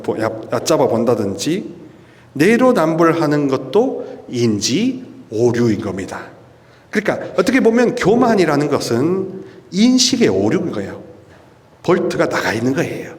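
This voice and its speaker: A middle-aged priest delivers a lively, charismatic sermon at a prayer meeting in a church hall. His slightly high voice preaches emphatically, with rhetorical questions and drawn-out stresses, and the hall's long reverb echoes around him.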